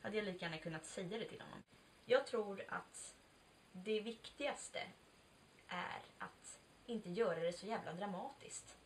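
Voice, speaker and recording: A woman in her twenties telling a personal story in a chatty, candid way, swearing now and then and acting out bits of dialogue. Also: mid-range voice. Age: 20s. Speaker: vlogger. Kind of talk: casual confessional storytelling. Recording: distant mic with faint background noise.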